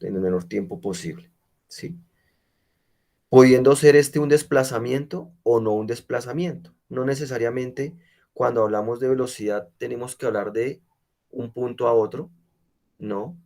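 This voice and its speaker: His voice is medium in pitch, creaky, and warm. He is lecturing an online PE class despite a cold, explaining each step in turn and repeatedly checking in with students rhetorically.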